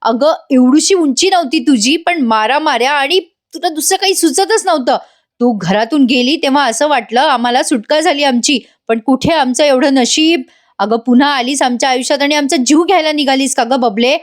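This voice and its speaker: A woman reads out a bitter, aging father scolding his daughter in a serial's review. His reproachful, pleading lines come in a high voice. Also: normal speed, natural voice.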